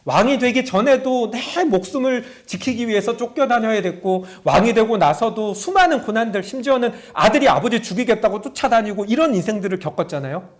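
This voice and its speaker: A man's voice: high voice, expressive, brisk, hardly any pauses. A middle-aged male pastor preaching a sermon, telling stories, acting out prayers and asking his congregation questions. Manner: storytelling preacher, acts out prayers in a raised voice; talks to the congregation directly, asking them questions.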